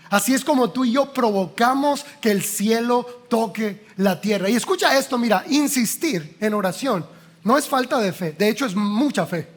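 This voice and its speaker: A man with a Mexican Spanish accent, preaching a lively sermon as pastor, acting out quotes and asking the listeners questions. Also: extremely high pitch. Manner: lively preaching, acts out quotes with playful voices and rhetorical questions.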